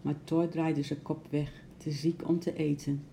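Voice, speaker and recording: A woman narrating a children's story aloud in a gentle, expressive way. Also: low-pitched, unhurried, creaky, a little hiss or hum.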